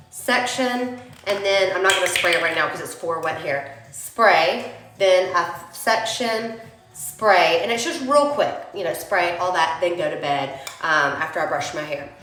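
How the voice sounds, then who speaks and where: In a roomy, echoey home recording with a little hiss or hum, a young woman vlogs a hair-care tutorial while sniffling from a cold. She's a chatty beauty vlogger who addresses viewers as y'all, and her voice sits on the low side with a slight brightness.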